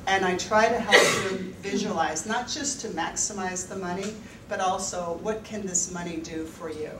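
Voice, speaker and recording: This is a woman in her fifties from the Netherlands, a financial advisor who tells an audience at a university event about her own life, frankly and with frequent laughter and lots of fillers. Her pitch is lowish and her pace moderate. The mic sits far away in an echoey room, and background noise comes through.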